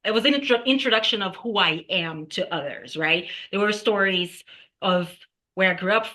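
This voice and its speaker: A woman from Brazil, a singer-songwriter guest, talking casually and reflectively, pausing on fillers and often adding "right?". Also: medium pitch, bright, forceful tone. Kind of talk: casual interview talk.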